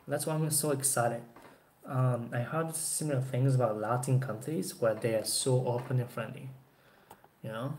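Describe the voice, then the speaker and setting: Resting his chin in his hand, a twenty-something man whose first language is Japanese rambles through a casual live chat with viewers, leaning on "you know" constantly. His voice is medium-pitched, steady, and darkish at a moderate pace. A webcam captures him in a small room with a dark backdrop cloth, and the sound carries a roomy echo and faint hiss.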